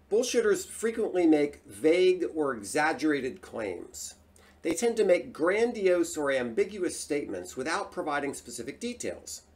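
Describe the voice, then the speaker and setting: A man hosting a solo talk, speaking in an animated, emphatic way. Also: fairly high pitch. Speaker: host.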